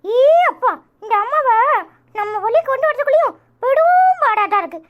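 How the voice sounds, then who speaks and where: Type: cartoon. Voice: very high-pitched chatterbox schoolgirl with a Tirunelveli accent. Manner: whiny, pleading, nonstop. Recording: noisy. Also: animated, moderate pace, dull audio. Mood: grumbling. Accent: Tirunelveli Tamil. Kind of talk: cartoon voice acting.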